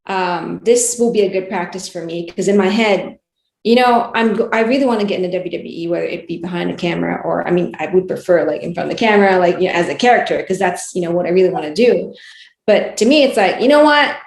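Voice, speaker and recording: A woman's voice: on the low side, fast talker, creaky, darkish tone. A woman chatting casually as an interview guest, giggly and often saying "like" and "you know". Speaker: guest, wrestling ring announcer and reporter. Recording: roomy, echoey sound.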